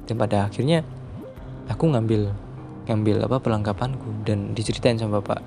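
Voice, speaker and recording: A man's voice: lowish voice, a little fast, vocal fry, music in the background. A man telling a true horror story in casual chat, rambling and repeating himself, dropping his voice on the eerie parts.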